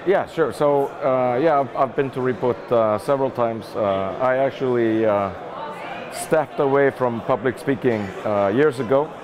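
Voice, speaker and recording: A middle-aged Icelandic game publishing executive gives casual answers as an interview guest, thinking aloud and repeating words as he goes. His voice is medium in pitch and unhurried, with a busy event crowd audible behind him.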